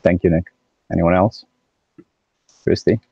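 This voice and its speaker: A man's voice: deep voice, fairly even intonation, a little slow, vocal fry, husky, dry recording. A man moderating a panel over a video call, brief and polite, calling on panelists by name. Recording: dull, dry video call audio.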